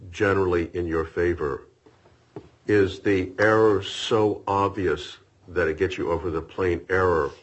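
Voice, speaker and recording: A man's voice: sits low, husky. A man presiding as an appellate judge, firing probing questions at counsel and often cutting in. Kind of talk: questioning counsel at oral argument. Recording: dull lo-fi courtroom audio.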